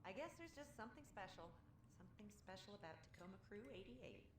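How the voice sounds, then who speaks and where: A woman's voice: mid-range voice, big pitch swings, a little fast, lightly acted. An actress playing an affectionate, hopeful woman crew member on a space station in natural video game dialogue. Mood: teasing, hopeful. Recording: echoey room with faint ambient noise.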